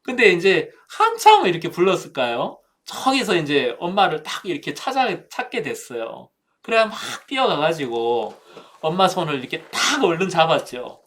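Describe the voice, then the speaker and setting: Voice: mid-range voice, a bit bright. A speaker at a Bible seminar telling a childhood story in a Bible talk, using vivid sound words and addressing listeners directly.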